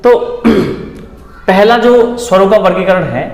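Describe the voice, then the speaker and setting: Male teacher, slightly high voice, drilling students with his own question-and-answer patter, echoey room. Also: expressive, slow. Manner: repeats questions and answers them himself, checks understanding often. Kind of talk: exam-prep Hindi grammar lesson. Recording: echoey room with long reverb and faint background noise.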